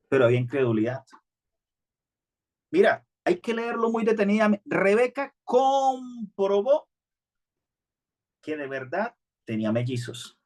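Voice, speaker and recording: Earnest pastor preaching, fairly high voice. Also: male voice, a little mellow. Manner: earnest, conversational preaching with many restarts. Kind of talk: sermon.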